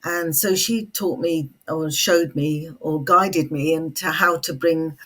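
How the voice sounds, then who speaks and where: A middle-aged British woman telling a personal ghost story in conversation, fireside storytelling with deliberate pauses and repeated phrases. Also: deep voice, fairly even intonation, fairly bright tone. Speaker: guest, psychic storyteller and Feng Shui consultant.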